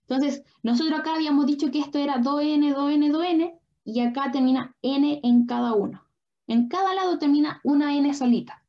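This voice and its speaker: A woman's voice: high voice, moderate pace. A young woman, a biology tutor patiently explaining a lesson and often checking that students follow. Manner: patient, checks understanding with frequent questions. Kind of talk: online lesson explaining at a drawing board. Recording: dull lo-fi online class audio.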